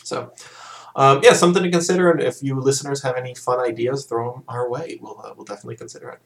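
A man's voice: medium pitch, steady tone, quick pace, vocal fry. A man hosting a podcast, chatting casually and rambling with fillers and restarts. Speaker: podcast host. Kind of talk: casual chat.

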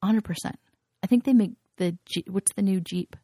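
A woman's voice: mid-range voice, fairly quick, mellow, husky, no echo, studio quality. A woman co-hosting a casual podcast, chatting and gushing with frequent laughs, rambling as she goes. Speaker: podcast co-host. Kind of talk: casual chat.

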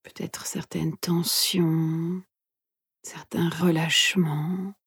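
Woman's slow, soothing near-whisper guiding meditation. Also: low voice, little pitch movement, dry recording, clean studio sound. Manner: soothing, soft, breathy near-whisper with gentle pauses. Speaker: meditation instructor and podcast host. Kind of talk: guided mindfulness meditation.

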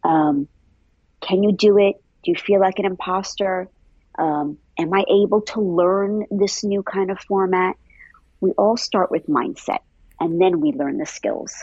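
Woman, dance-teacher trainer, husky and unhurried, thinks aloud; dry, slightly muffled recording. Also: medium pitch, a little mellow, no echo. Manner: thoughtful, repeats words, frequent "I feel" and "um". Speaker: dance instructor trainer, interview guest. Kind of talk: conversational interview answers.

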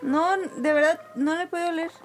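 A woman with a Mexican accent co-hosting a podcast, talking bluntly and swearing casually in relaxed chat. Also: very high-pitched, moderate pace, faint music behind. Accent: Mexican Spanish. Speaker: podcast co-host.

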